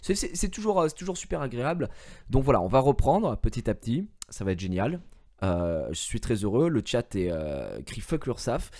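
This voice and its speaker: Man in his thirties, streamer, casual animated storytelling to viewers, pitch jumping all over, headset mic at home. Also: normal speed. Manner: animated storytelling, swears freely, mocks others in raised voice. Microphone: gaming headset.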